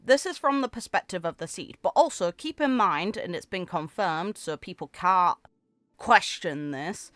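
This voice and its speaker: A woman who makes gaming videos reads a game character's lore aloud expressively, adding casual commentary, with music playing underneath. Her lowish voice is fairly bright, with lively intonation and a moderate pace. The recording is dry.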